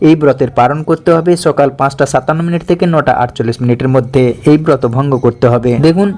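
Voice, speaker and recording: A man plainly explaining the timings of a religious fast in an instructive way. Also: medium pitch, darkish tone. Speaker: devotional presenter.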